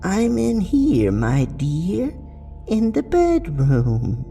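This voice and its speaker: A beast pretending to be a frail old grandmother, as a male narrator puts her on, with a soft, raspy voice that swoops high and lively. It coaxes slowly and sweetly, its creaky tone heard from a distance with a long, hollow reverb. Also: soft background music, full character voice. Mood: falsely sweet. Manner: falsely sweet and coaxing. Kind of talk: storybook horror narration.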